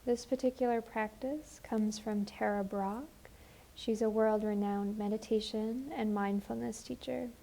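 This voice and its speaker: Speaking softly and soothingly, a female meditation teacher leads a guided session in leisurely phrases separated by long pauses. Her medium-pitched voice holds a steady tone and has some vocal fry.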